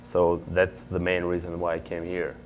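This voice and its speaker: Very deep-voiced man. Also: completely flat delivery, moderate pace, slight background noise. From Israel. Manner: earnest, explanatory, with occasional fillers. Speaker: MBA student and startup founder. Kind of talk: answering interview questions.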